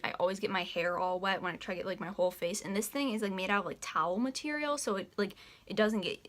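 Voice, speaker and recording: A woman's voice: mid-range voice, a bit bright. A young woman in her late teens, short of breath, chatting casually and rambling through a makeup tutorial at home, with many "like" fillers. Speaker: beauty vlogger.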